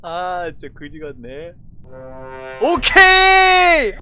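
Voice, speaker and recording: A woman chatting excitedly while playing a game, grumbling and exclaiming in blunt slang with stifled giggles breaking into her words. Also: fairly high pitch, slow pace, faint music behind. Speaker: gamer commentating her own play. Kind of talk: excited casual Among Us gameplay chat.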